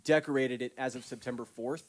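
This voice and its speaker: A man hosting a casual podcast, loud and joking, swearing freely. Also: medium pitch, fairly even intonation, a little fast, no room sound. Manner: profane, boisterous, jokey. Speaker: podcast co-host. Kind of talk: casual chat.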